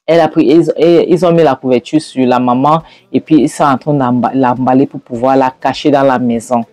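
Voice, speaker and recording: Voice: medium pitch, fairly even intonation, a little fast, darkish tone, no room sound. A storyteller retelling a film scene by scene, hesitant with fillers. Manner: hesitant, with fillers and acted quotes.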